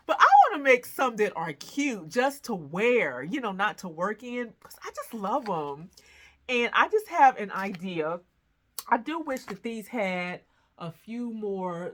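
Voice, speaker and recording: A woman from the Midwest talks to her camera about sewing, excitable and gushing, with quick asides. Her voice is bright and forward, and her pitch swings widely as she goes. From American Midwest. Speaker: sewing vlogger. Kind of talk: casual chat to camera.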